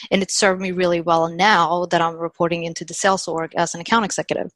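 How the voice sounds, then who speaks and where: Woman, from Sweden, podcast guest, casual storytelling, slightly low voice, dry recording. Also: no echo. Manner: chatty, animated retelling with quoted dialogue and frequent "like".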